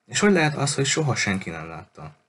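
A man reading the part of an excitable, curious young girl in an audiobook, with eager questions. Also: mid-range voice, slightly rough, voice pushed up.

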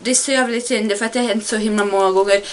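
A young woman from Sweden ranting in a casual vlog, exasperated and mocking, recorded on a webcam at home. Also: steady tone. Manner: exasperated, mocks others in high voices. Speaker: vlogger.

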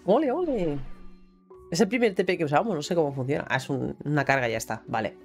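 A woman with a Spain Spanish accent chats her way through a video game, bursting into exclamations and casual swearing. Her voice sits low but swings widely in pitch. Faint game music plays beneath her. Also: big pitch swings, racing. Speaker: gaming streamer. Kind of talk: casual gameplay commentary.

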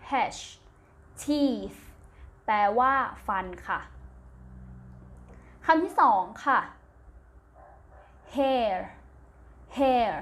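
High-pitched and very animated, this woman with a Thai accent moves slowly and pauses often while teaching primary English. She spells words one letter at a time, says each word twice, and then gives the meaning. It's a slow recorded classroom lesson delivered gently and patiently, with polite particles at the ends of phrases.

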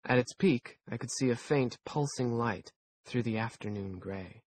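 A man reading a first-person audiobook aloud in a measured, dry storytelling manner. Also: medium pitch, a little hiss or hum. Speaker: audiobook narrator.

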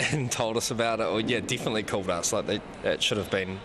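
A New chef answers a reporter in a relaxed, hesitant way, full of fillers. His voice is low. Clear street and traffic noise sits behind him. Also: quick pace. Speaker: head chef. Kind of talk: casual interview clip. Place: outdoors on a city street.

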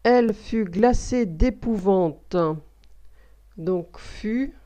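Slow, mellow-voiced woman dictating a lesson. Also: medium pitch. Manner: slow, repeats words, explains grammar step by step. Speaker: teacher giving a dictation. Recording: dull lo-fi recording.

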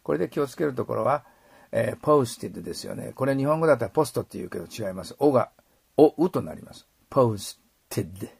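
A middle-aged man teaching English pronunciation, modeling sounds and slowly repeating phrases. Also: medium pitch, animated, creaky, a little mellow, breathy edge, no room sound. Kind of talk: explaining pronunciation in a lesson.

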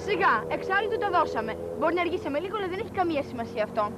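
An actress playing a nagging, quarrelsome wife who shouts and scolds her husband. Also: very high voice, sing-song, over loud music. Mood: scolding. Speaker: Vasilis's wife. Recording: noisy 1980s film soundtrack.

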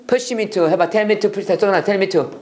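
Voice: mid-range voice, takes it slowly, a little mellow. A Korean speaker teaching English prayer phrases to a class, drilling lines and having students repeat. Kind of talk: classroom lesson, call and response drills.

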